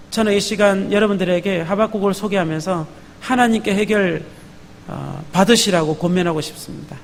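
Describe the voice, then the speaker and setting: A man's voice: high-pitched, creaky. A man preaching a sermon as pastor, emphatic, often asking the congregation for a response. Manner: emphatic, calls out to the congregation with repeated "예?". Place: church sanctuary. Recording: long hall reverb, faint background noise.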